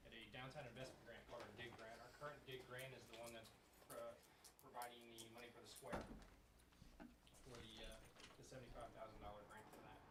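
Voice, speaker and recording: A man's voice: mid-range voice, level tone, fast talker. A man, a downtown business liaison, plainly explaining a grant to a town council with some fillers. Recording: echoey room, far from mic, loud background noise.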